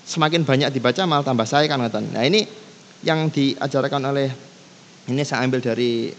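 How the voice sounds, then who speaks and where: A man's voice: medium pitch, fairly quick. A man with a Javanese accent leading a casual religious lesson, easygoing and switching between languages, reciting Arabic passages. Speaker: Islamic teacher leading kitab study. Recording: long reverb with faint background noise.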